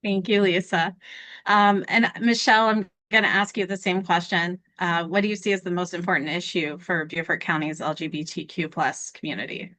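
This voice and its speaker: A woman moderating an online panel discussion over a video call, polite and steady with occasional ums. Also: lowish voice, moderate pace.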